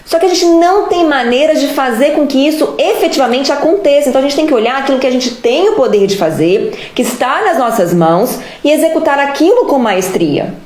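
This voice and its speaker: A woman's voice: high-pitched, animated, fairly quick, hardly any pauses, a little mellow, echoey room. A woman hosting a live stream, giving blunt relationship advice and scolding her listeners directly. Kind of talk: casual live advice monologue.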